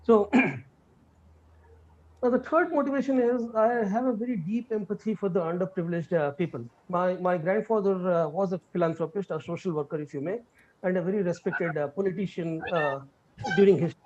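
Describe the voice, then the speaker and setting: A middle-aged man from India, giving an earnest online lecture as a guest speaker, quick and full of fillers and restarts. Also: high-pitched, a little mellow. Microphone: video call. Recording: dull lo-fi video call audio.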